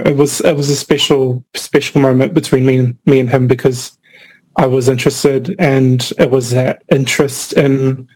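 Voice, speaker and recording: A man's voice: medium pitch, darkish tone, low-quality recording. A young man from the Cook Islands, a filmmaker answering interview questions in a thoughtful way, with many fillers and restarts. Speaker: filmmaker guest.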